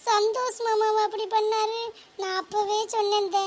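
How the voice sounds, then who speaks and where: A woman's voice: very high voice, flat delivery, normal speed, slight background noise. A woman voicing a jilted young woman in a cartoon family drama, whiny and reproachful. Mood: bitter. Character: jilted young woman, petulant would-be bride.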